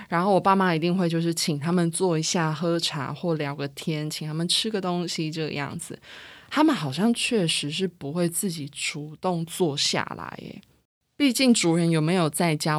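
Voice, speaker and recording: Low-voiced Taiwanese woman podcasting through a face mask. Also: no echo, clean studio sound. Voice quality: slightly muffled, speaking through a face mask. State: a little breathless with audible breathing. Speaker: podcast host. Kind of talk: casual solo podcast monologue. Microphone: close microphone, voice through a face mask.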